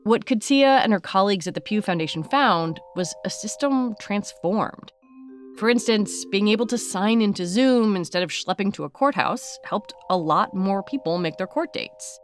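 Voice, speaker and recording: A woman's voice: medium pitch, animated, moderate pace, soft background music. A woman hosting a podcast, moving between scripted narration and interview questions. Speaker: podcast host.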